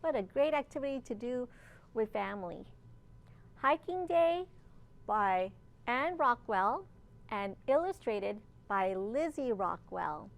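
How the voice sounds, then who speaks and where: Reading a children's picture book as a storytime librarian, a high-voiced woman takes her time, spacing her phrases deliberately and turning to her young listeners with questions. She is very animated, and her voice carries vocal fry.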